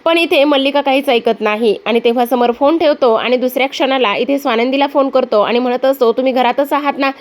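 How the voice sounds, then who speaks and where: A woman's voice: high-pitched, a little fast, few pauses. A woman with a Marathi accent retelling a TV serial episode as a storytelling recap, linking events with repeated phrases. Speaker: serial reviewer.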